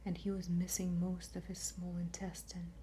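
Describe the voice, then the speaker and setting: Woman, hushed library whisper, breathy ASMR, very even pitch, mellow, faint background noise. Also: moderate pace. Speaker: ASMR video host. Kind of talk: soft-spoken ASMR whisper, library-style book show and tell.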